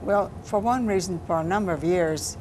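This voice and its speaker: In a casual interview, an older poet gives plain answers about her writing, speaking softly and without hurry. Her voice sits slightly low, and a clear hum of background noise runs beneath the recording.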